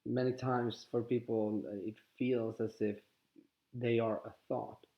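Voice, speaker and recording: In slightly dull lo-fi audio, a spiritual teacher from Sweden guides listeners through a contemplative lesson in a calm, mid-range voice. Swedish is his first language, his accent is Swedish, and his delivery is halting, full of pauses and restarts.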